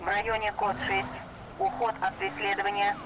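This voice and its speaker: A man's voice: high voice, flat delivery, normal speed. A man voicing a police dispatcher heard over a police radio transmission, making clipped official announcements to patrol units. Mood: urgent. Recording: noisy game audio with sirens.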